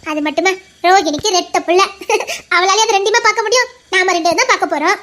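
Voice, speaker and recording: A woman's voice: extremely high pitch, quick pace, fairly bright tone. An actress playing an affectionate young village wife who reassures her family with fond chuckles, speaking with a Tirunelveli accent. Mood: reassuring. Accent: Tirunelveli Tamil. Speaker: actress in a family web drama. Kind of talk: village family drama acting.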